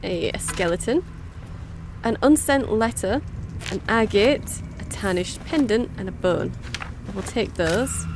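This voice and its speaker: A woman's voice: medium pitch, lively intonation, a little slow, noisy background. A woman hosting a let's play, chatty and reactive, commenting casually and reading game dialogue aloud. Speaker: gamer, let's play host. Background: game music.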